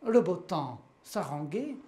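A woman reads as a worried storybook wife who cannot understand her husband. Her questions come softly and plainly, with a pleading edge. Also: lowish voice, sing-song, slow. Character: puzzled worried wife of the man.

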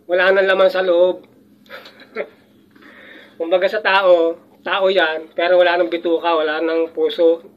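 High-voiced older man chatting, muffled. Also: level tone, a little slow, long pauses. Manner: rambling, chuckling, with many restarts. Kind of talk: casual chat. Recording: muffled lo-fi audio.

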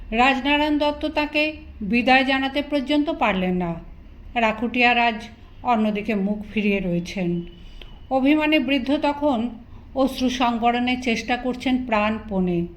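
A woman storyteller narrates a novel in a measured, expressive reading. Her voice sits somewhat high for a woman, and she keeps a steady storytelling delivery.

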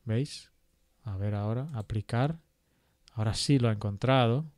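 A man from teaching GIS software in a screen-recorded tutorial, thinking aloud with many fillers and checking in with "¿vale?" as he clicks along. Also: lowish voice, normal speed, no echo. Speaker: GIS instructor.

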